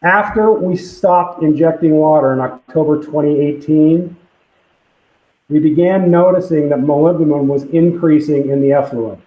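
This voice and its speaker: A man presents technical figures on a conference call in a plain, halting way. His voice comes through muffled, as if through a pipe, with a roomy echo around it. The tone is dark and a little high for a man. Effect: muffled, as if talking through a pipe. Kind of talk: technical briefing reading from a permit. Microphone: computer mic on a call. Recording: echoey, muffled call audio.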